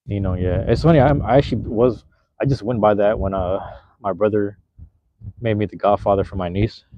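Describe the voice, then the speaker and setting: A lowish male voice talks fairly quickly as a young man rambles through a casual livestream, relaxed and full of slang. He holds his phone in a park at night, with cold drizzle falling. The phone audio comes out slightly dull and lo-fi.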